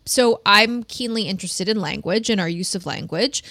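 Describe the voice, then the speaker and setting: Female podcast host, mid-pitched, vocal fry, casual chatty advice delivery, dry recording. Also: moderate pace, sharp tone, no room sound. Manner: casual, peppered with "like".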